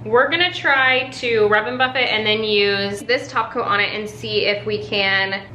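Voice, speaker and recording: A woman's voice: mid-range voice, unhurried, sharp tone, a little hiss or hum, low-quality recording. A woman chatting casually to camera as a home makeover vlogger, explaining her DIY steps in an informal way.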